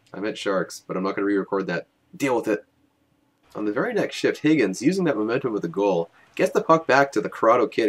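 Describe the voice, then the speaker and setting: A young man giving joking, wry play-by-play voice-over of game highlights. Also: husky. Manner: wry, joking, self-mocking. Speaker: highlights commentator.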